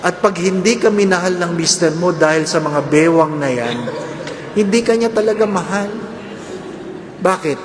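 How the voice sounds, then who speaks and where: Male priest, humorous homily, fairly high and very expressive voice, constant call-outs to the congregation; long church reverb. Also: normal speed, a crowd in the background. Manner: animated, jokes, keeps asking the congregation "di ba?". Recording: echoey church hall with faint ambience.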